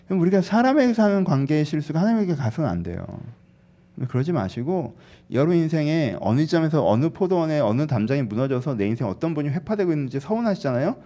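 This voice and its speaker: A man preaching a sermon as pastor, conversational and animated, often asking the congregation to agree. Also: a little high. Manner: animated, acts out sulky dialogue in quick voices; conversational, asks the congregation "right?".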